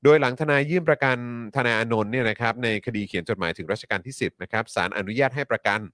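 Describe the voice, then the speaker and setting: A man's voice: mid-range voice, fast, fairly bright tone, dry recording. A man hosting a news talk show, reading updates politely and adding many courtesy particles.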